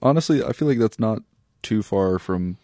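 A man co-hosting a podcast in casual comedic chat, joking and laughing as he pitches absurd ideas. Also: expressive, normal speed, dark tone, dry recording, studio quality. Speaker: podcast co-host.

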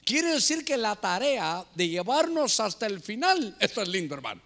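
A man preaching as a pastor, swinging between loud fervor and hushed storytelling. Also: high-pitched, sing-song, moderate pace, gravelly. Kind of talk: sermon. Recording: long hall reverb.

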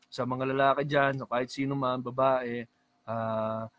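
A man's voice: mid-range voice, little pitch movement, unhurried, fairly bright tone. A man co-hosting a casual podcast, giving opinionated advice and laughing often. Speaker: podcast co-host. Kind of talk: casual chat.

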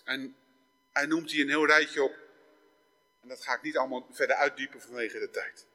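A man's voice: mid-range voice, steady tone, normal speed, sharp tone. A man preaching a sermon in a church, talking conversationally and reading scripture aloud with dramatic force. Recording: reverberant church hall.

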